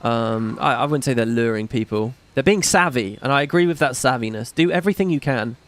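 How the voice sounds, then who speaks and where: This man hosts a gaming livestream, rambling casually, swearing and putting himself down while reading out viewer comments and donations. His voice is medium-pitched, expressive and a little fast, with a slight British accent.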